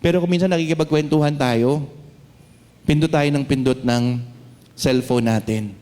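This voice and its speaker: Filipino pastor preaching in a reverberant hall. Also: male voice, on the high side, a little mellow. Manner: mixes English and Tagalog, reads Bible verses slowly, frequent "no?" tags. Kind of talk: sermon. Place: church hall.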